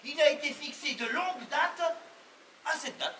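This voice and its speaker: A man on a theatre stage playing a slow-witted, soft-hearted father of the bride who answers hesitantly. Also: very high voice. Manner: hesitant, simple answers, swings from meek to loud. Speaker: stage actor. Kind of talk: live stage comedy acting. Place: farm theatre stage, live audience. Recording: echoey room, far off, hissy.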